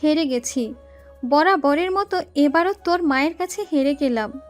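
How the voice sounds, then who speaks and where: A woman's voice: extremely high pitch, expressive, moderate pace, fairly bright tone, faint music behind, voice pushed up. A woman voicing a young girl who talks like her cheeky old grandfather, with teasing, grumbling old-man talk.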